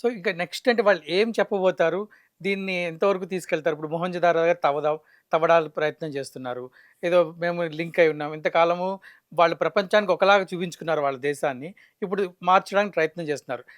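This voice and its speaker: A man's voice: a little high, quick pace, no echo. A man with a Telugu accent interviewing a guest in a studio, asking questions politely and deferentially.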